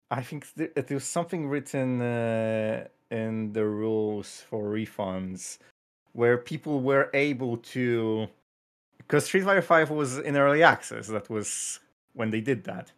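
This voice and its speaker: A man on a gaming podcast panel, talking haltingly with many hesitant restarts. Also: medium pitch. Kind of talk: casual chat.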